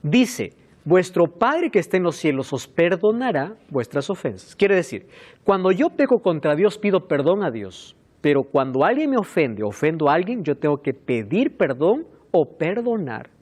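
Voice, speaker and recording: Animated male preacher, very lively pitch. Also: normal speed. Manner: emphatic, animated preaching with asides to helpers. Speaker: pastor. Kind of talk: sermon.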